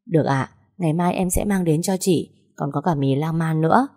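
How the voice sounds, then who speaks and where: Casting: a woman reading as a friendly, eager young helper, low and mellow, storybook dialogue. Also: normal speed. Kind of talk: audiobook dialogue.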